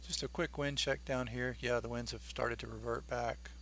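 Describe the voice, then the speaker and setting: A man's voice: medium pitch, fairly even intonation, moderate pace, a bit bright, slight background noise. A man giving casual, think-aloud commentary as the pilot in a flight simulator game. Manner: informal, thinking aloud while flying.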